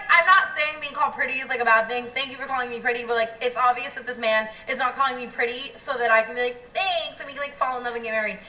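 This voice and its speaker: A young woman tells a story in a casual vlog, animated and profane, with filler words in almost every phrase. Her voice sits a little high. She is heard from some distance in an echoey room, and the recording sounds dull. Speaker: YouTuber.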